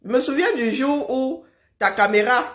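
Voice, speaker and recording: A woman's voice: high-pitched, animated, normal speed. A woman in a heated online argument, mocking and taunting her opponent. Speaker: live stream participant.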